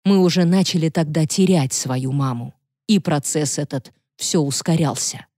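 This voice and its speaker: Female audiobook narrator, calm and even, dark mellow tone, dry close recording. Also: low-pitched, moderate pace, no echo. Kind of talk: scripted narration.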